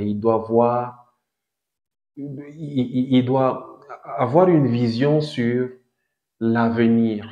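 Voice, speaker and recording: A man in his thirties giving a didactic talk as host of a crypto channel, deliberate, with emphatic rises on key points. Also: medium pitch, warm tone. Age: 30s. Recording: echoey room, dull lo-fi sound.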